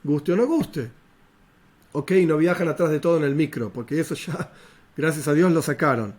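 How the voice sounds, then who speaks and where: Man, Argentine accent, rabbi, informal lesson, emphatic, slightly high voice. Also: animated, moderate pace, a little mellow, slightly rough. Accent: Argentine Spanish. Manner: conversational, emphatic, repeats for stress. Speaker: rabbi teaching a class.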